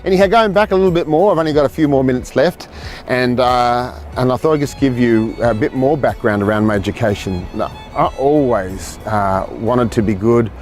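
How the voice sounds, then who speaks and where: A man's voice: mid-range voice, moderate pace, darkish tone, faint music behind. An Australian man telling a personal story in a rambling way, with many fillers and repeated words. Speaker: speaker telling his life story.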